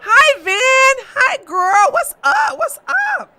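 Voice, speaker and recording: Speaking slowly and with big swings in pitch, a livestream host chats casually with her viewers and reads out their messages. She welcomes them with loud, high-pitched exclamations and laughs a lot while teasing her chat.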